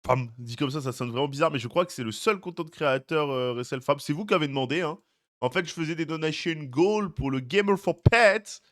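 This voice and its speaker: A man's voice: fairly high pitch, a little fast, a bit bright. A young man streaming live, chatting casually with his viewers, greeting them by name and teasing them. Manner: chatty, greets chat by name, jokey asides.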